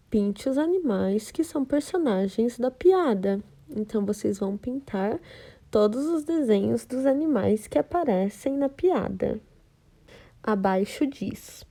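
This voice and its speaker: A woman's voice: a little high, gravelly, mellow. A woman teaching an online lesson for young children, patiently explaining each task step by step. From Brazil.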